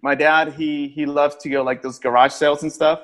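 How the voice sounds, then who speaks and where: A man's voice: fairly high pitch, flat delivery, normal speed, a bit bright. A man from Mexico, a musician chatting loosely in a podcast, full of restarts and casual swearing. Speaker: guest musician.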